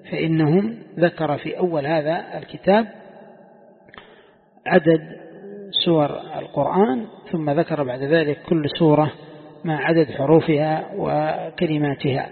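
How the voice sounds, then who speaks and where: A sheikh leads a lesson on Quran commentary and keeps throwing questions at his students, repeating phrases to drive them home. His voice sits fairly high. The recording is thin and phone-like, with a long reverb trailing behind him. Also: gravelly. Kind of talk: classroom lesson. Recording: tinny phone-like sound in a long-reverb hall.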